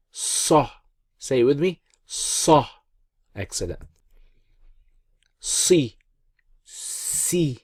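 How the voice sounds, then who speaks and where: A man teaching pronunciation in a call-and-repeat lesson, encouraging and deliberate as he repeats sounds for learners. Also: mid-range voice, darkish tone, slightly rough, dry recording. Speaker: Quran reading teacher.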